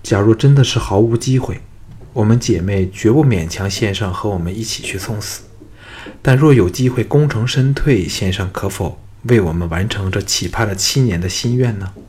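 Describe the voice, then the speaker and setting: A man's voice: lowish voice, normal speed, a little mellow, slightly rough. A man voicing a bold, proud young woman who pleads earnestly in a raised voice, as an audiobook character. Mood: pleading.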